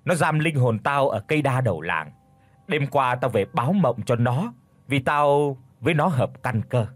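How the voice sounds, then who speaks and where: Brief: bossy old grandfather spirit in an audio horror tale, deep and booming, husky, put on by a male narrator. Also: lively intonation, moderate pace, no room sound, close to an everyday voice. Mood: warning. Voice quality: deep booming, sometimes a feeble rasp. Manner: domineering, scolding. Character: young man faking his grandfather's ghost, gruff and commanding.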